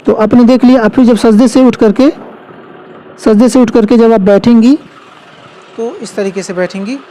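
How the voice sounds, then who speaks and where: A man giving a patient, step-by-step spoken lesson, repeating key phrases slowly and carefully. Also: very high-pitched, fairly even intonation, warm tone. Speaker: religious instructor. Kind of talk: instructional demonstration.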